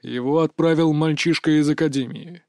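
A man voicing a menacing crime boss who speaks through a phone in a cold, metallic voice, slow and commanding. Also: a little high, steady tone, darkish tone, no echo, clean studio sound. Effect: metallic, altered voice. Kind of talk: audiobook narration.

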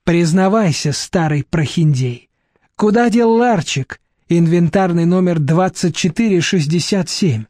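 A shrewd, commanding woman hands down terms in slow, steely words, as a male audiobook narrator voices her. The voice is dark and mellow, the recording close and dry. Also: high-pitched, lively intonation, no echo. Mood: stern. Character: stern middle-aged woman, shrewd and commanding.

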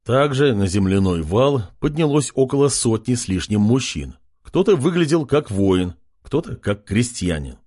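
A man's voice: medium pitch, sing-song, normal speed, few pauses, a little mellow. A man narrating a fantasy audiobook in a scripted reading.

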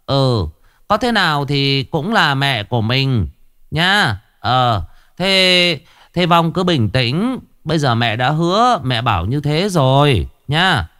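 Sly guy sweet-talking a ghost, raised lively voice, narrator doing it. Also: on the high side, voice pushed up, full character voice. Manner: coaxing, smooth-talking. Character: sly, scheming man coaxing a ghost.

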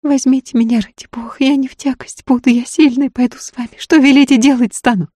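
A woman voicing a desperate young peasant woman who begs in a hoarse, breathless voice. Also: a little high, moderate pace, mellow, no echo, voice pushed up. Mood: pleading. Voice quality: hoarse from agitation. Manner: pleading, breathless.

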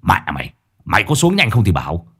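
A man voicing a gruff, curt older male exorcist cook who scolds his helpers. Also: low-pitched, wildly swooping pitch, quick pace, a bit bright, exaggerated voice. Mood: gruff scolding.

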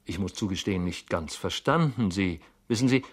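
A man voicing a concerned middle-aged male office chief who asks gently, full of fillers, in an audiobook reading. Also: low voice, lively intonation, normal speed, slightly rough. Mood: puzzled, concerned.

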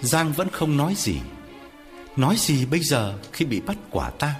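A man tells a spooky tale with a very lively, swooping delivery, his pitch rising and falling as he builds the drama. Faint music sits under his voice. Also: normal speed. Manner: expressive storyteller. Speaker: narrator. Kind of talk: dramatic horror story narration.

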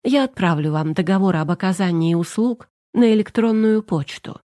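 A woman's voice: medium pitch, normal speed, warm tone, dry recording, clean studio sound, natural voice. A woman reader voicing a polite, businesslike man who directs a security agency. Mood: obliging.

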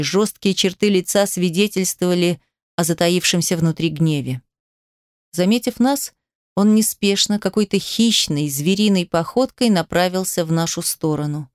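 A woman reads a first-person story aloud at a middle pitch, telling it with emotional drama. Her voice is close and dry, with no room echo. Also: smooth. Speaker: audiobook narrator. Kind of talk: first-person scripted narration.

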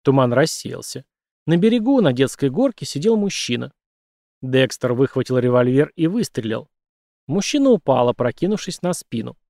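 A man narrating an audiobook in a steady, even reading voice. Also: medium pitch, moderate pace, vocal fry, dry recording, studio quality. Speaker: audiobook reader. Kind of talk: scripted narration.

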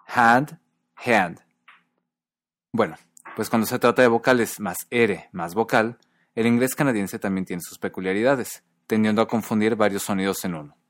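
A man hosting a podcast, giving a scripted, clear explanation and slowly repeating example words to show each sound. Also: lowish voice, no room sound. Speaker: podcast host. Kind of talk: scripted educational narration.

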